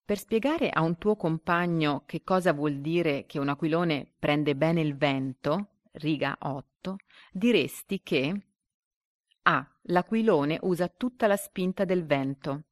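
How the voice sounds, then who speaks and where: A woman with a low voice reads a story aloud, then goes through the quiz questions. She paces the answer options slowly and deliberately. The recording is dry and close. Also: no echo. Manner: slow and deliberate when reading quiz options.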